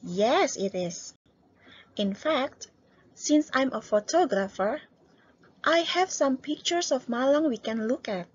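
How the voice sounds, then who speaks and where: A woman reading a friendly male photographer in a lesson dialogue, high and slow, breathy, dull lo-fi sound. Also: dry recording, full character voice. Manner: polite, even textbook dialogue. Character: friendly adult man named Jim, a photographer.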